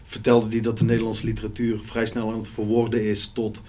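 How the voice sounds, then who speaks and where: A man's voice: on the low side, completely flat delivery, fairly quick, mellow. A man hosting a casual interview with an author, chatty and sprinkled with fillers. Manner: conversational, with fillers.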